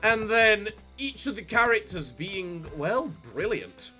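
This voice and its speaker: High-pitched, animated male gaming host. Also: slow pace, soft background music. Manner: rambling, theatrical sign-offs. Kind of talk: casual let's play commentary.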